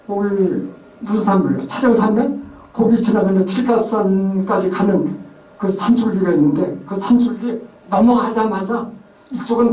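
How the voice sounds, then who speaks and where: In a high, mellow voice, a lecturer on place names gives an informal, chatty talk and often imitates regional pronunciations. The recording is from an echoey room with the mic far away.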